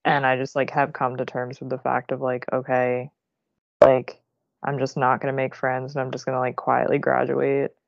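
A woman's voice: rumbling low, monotone, moderate pace, vocal fry, dry recording, muffled recording. A woman in her twenties co-hosting a podcast in a chatty, laughing, casual way, swearing now and then. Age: 20s. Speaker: podcast co-host. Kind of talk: casual chat.

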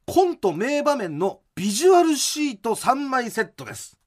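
Animated Japanese man hosting comedy radio. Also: extremely high pitch, normal speed. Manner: theatrical, shouty bursts of mock outrage. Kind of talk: comedic radio banter, mock courtroom. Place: radio studio.

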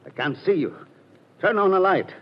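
An actor playing an anxious crime boss calling out in a 1940s radio drama. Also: male voice, high voice, animated, moderate pace. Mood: uneasy. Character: uneasy male crime boss. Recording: dull, noisy old radio recording.

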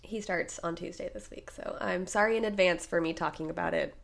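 A woman in her thirties, hoarse from being sick, co-hosting a podcast in casual chat and laughing often as she tells stories. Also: lowish voice, a little fast. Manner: chatty, laughing often, animated retellings. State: hoarse from illness. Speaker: podcast co-host.

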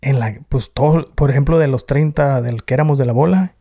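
A man's voice: medium pitch, fairly quick, creaky, dark tone. A man from Tijuana with a northern Mexican accent, chatting casually and in colloquial slang as a YouTuber being interviewed. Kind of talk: casual chat.

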